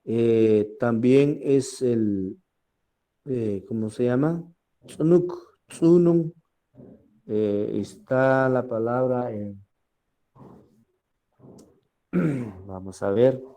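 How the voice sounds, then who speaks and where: A man teaching a recorded language class, speaking slowly, repeating each word and often asking "¿verdad?", with frequent throat clearing. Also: medium pitch, dark tone. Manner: slow, repeats words and asks "¿verdad?" often.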